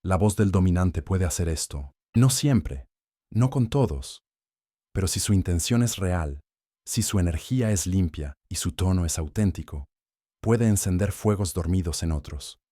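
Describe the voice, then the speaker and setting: A man narrates a scripted motivational piece in a slow, solemn, measured way, leaning on dramatic pauses. His voice sits very low with a dark, mellow timbre. It is recorded close and dry, with no room sound. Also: animated, no echo.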